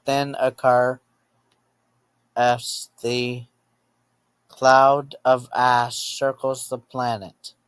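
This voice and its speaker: This emergency alert comes from a man with a mid-range voice that barely moves in pitch. He halts between short scripted phrases, frequently restating what he just said. The tone is clean and the recording dry.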